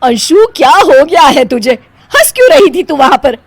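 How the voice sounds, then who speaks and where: A woman voicing a stern older mother-in-law who scolds loudly. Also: high-pitched, normal speed, no room sound, voice pushed up. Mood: scolding. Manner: scolding, loud.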